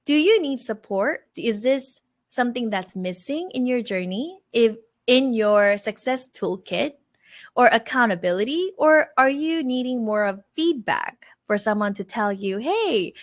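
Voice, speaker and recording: A Korean language teacher in her thirties runs an online masterclass, speaking animatedly and encouragingly and acting out things she once said. Her voice sits a little high and swings widely in pitch.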